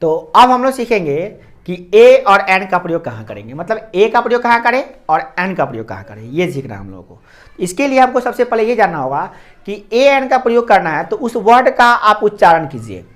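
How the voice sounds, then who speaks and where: A man's voice: sits high, big pitch swings, a little fast, a bit bright. A man teaching a grammar lesson to a class. He repeats each point and keeps asking whether the students have understood.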